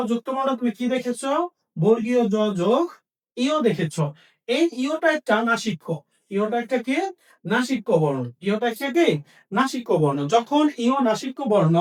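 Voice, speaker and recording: A man's voice: very high voice, far from the mic. A man teaching a language lesson, asking questions and then answering them himself, repeating each key point. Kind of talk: Bengali grammar lesson.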